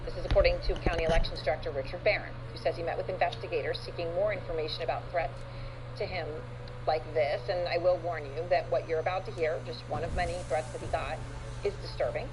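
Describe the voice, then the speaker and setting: A woman anchoring a TV news report, reading briskly and formally and interviewing a guest. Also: fairly low pitch, fairly even intonation. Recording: noisy news clip played back.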